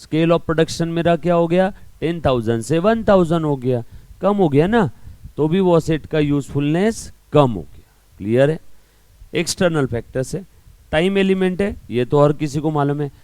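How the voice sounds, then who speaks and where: A man's voice: on the high side, lively intonation, moderate pace, dark tone, clear, resonant tone, no echo. A male accounting teacher giving a classroom lecture, explaining through everyday analogies and constantly checking whether students follow. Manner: keeps checking understanding with questions to students. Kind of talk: classroom lecture mixing Hindi and English.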